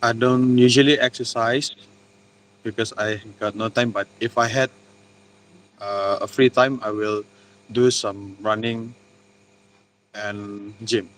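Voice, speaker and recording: Young man from Malaysia, interviewee, lowish voice, plain hesitant answers. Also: steady tone, takes it slowly, pauses often, a bit bright, rough recording.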